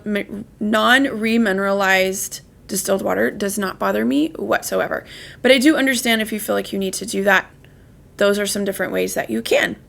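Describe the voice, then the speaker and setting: A woman's voice: mid-range voice, gravelly, fairly bright tone. A woman, a holistic chiropractor and pet health coach hosting a show, giving casual advice in an earnest, chatty way with frequent "right?" asides.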